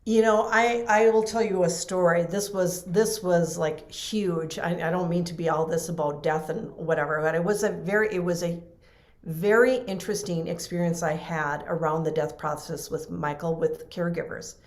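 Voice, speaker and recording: A woman's voice: lowish voice, fairly even intonation, normal speed, roomy sound. A woman in an interview telling an emotional personal story earnestly, acting out what others said. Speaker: guest. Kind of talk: casual storytelling in a podcast interview.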